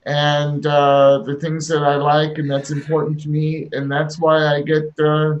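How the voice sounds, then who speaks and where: Slow jovial man in his sixties. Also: fairly high pitch, monotone, highs cut off. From Washington State, United States. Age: 60s. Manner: slow, jovial and encouraging, joking. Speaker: online class host. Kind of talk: casual online conversation. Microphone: video call.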